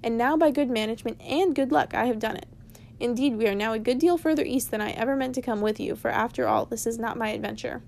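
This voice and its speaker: A woman's voice: a little high, fast, creaky, darkish tone, a little hiss or hum. A woman reading aloud as a cross, lecturing old male wizard from a storybook, in a voice close to her own. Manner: stern, lecturing.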